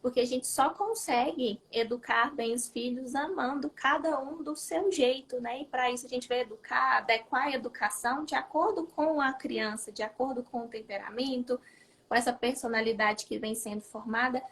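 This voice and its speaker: A woman with a Brazilian Portuguese accent who interviews her guest in a relaxed way, often tagging her points with a questioning "right?". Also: sits high, moderate pace. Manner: relaxed, frequent tag questions. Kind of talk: conversational interview.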